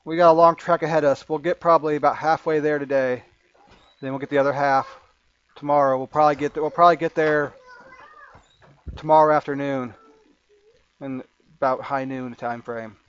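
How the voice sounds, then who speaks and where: Halting game master, muffled recording. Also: male voice, a little high, steady tone, a bit bright, smooth, dry recording. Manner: halting, repeats words while thinking. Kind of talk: narrating a tabletop game.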